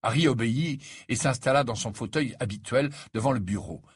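A man narrating an audiobook in an expressive storytelling way. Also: medium pitch, a little fast, husky, no echo, studio quality.

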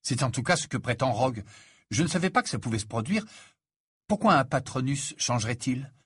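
A man's voice: mid-range voice, lively intonation, a little fast, breathy edge, no echo, studio quality. A man reading aloud and voicing an earnest, curious teenage boy wizard in a storybook.

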